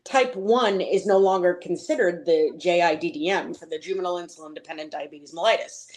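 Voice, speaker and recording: A woman in her forties from Boston, Massachusetts, tells her story as an interview guest, animated and full of fillers. Her voice is lowish and a little fast, with a faint, mostly hidden Boston accent.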